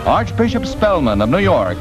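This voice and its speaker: A man delivers 1940s newsreel narration in a brisk, upbeat announcer manner. His voice sits a little high and swings widely in pitch. Loud music runs under the old newsreel soundtrack. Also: very animated, rough recording.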